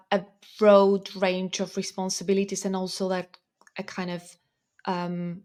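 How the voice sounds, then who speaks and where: A woman hosts a podcast in a voice of middling pitch. She talks in a friendly, chatty way and asks her guest questions with plenty of fillers. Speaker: podcast host. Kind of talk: podcast interviewing.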